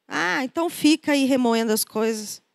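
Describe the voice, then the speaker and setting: A woman's voice: high-pitched, normal speed, creaky, dry recording. A woman with a Brazilian Portuguese accent preaching a conversational sermon, acting out quoted voices as she goes. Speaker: preacher and therapist.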